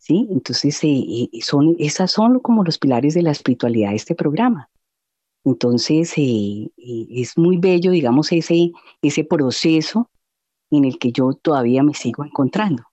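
A woman's voice: low-pitched, expressive, unhurried, warm tone, dry recording. A middle-aged woman, a guest in an interview, telling her personal story earnestly and reflectively, with many fillers.

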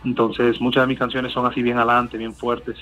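Brisk, monotone and sharp in tone at medium pitch, a hesitant Miami man gives interview answers riddled with fillers and restarts. English is his first language, and he has a Cuban Spanish accent softened by Colombian. The rough recording has faint music behind him.

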